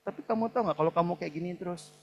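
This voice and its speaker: Pastor, male, lively sermon delivery, slightly high voice that plays out quoted voices. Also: very fast, dull audio. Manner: animated preaching, swings between soft asides and loud emphatic peaks; acts out quoted people in shouted or pleading voices. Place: church hall, live service.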